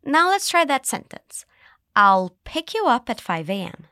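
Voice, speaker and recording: Woman host, English teacher, animated pitch, dry close mic, spells out phrases slowly. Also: clear, resonant tone, no room sound. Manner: cheerful, slow model phrases to repeat. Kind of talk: scripted language lesson.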